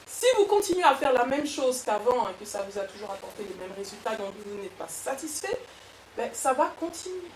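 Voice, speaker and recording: A woman coach giving a lively motivational workshop talk to an audience, with frequent restarts. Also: on the high side, fairly quick, slight background noise. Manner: lively, animated, with many restarts. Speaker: personal development coach. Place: event room with an audience. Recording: echoey room, far from mic.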